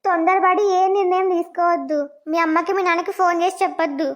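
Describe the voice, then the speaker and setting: Mother-in-law: soothing village elder voiced by a woman, very high gentle voice. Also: steady tone, fast talker.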